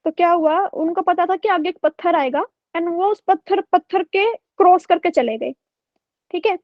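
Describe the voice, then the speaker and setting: Woman teacher, high voice, chatty storytelling, dry dull lo-fi sound. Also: normal speed, dry recording. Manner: chatty, keeps checking with "okay?". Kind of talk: storytelling in an online class.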